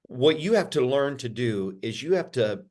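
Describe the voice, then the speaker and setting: A pastor, a man, answering interview questions in a sermon-like way, repeating phrases and lifting his pitch for emphasis. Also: big pitch swings, moderate pace, a little mellow. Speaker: pastor, podcast guest.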